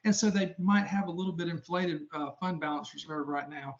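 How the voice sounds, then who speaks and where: Male presenter, middle-aged, deep South accent, higher-pitched voice, folksy and conversational, on dull lo-fi audio. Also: flat delivery, brisk. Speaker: public sector finance expert, presenter. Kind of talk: informal webinar presentation.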